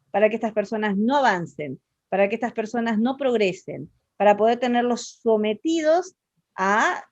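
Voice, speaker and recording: A woman's voice: mid-range voice, darkish tone, no room sound, muffled recording. An Argentine woman with an Argentine Spanish accent, talking expressively in a casual interview, with many fillers and restarts.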